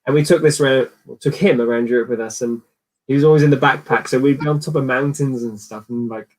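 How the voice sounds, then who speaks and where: A man's voice: mid-range voice, fairly even intonation, quick pace, rough recording. Friendly man co-hosting a livestream. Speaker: livestream co-host. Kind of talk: casual chat on a livestream.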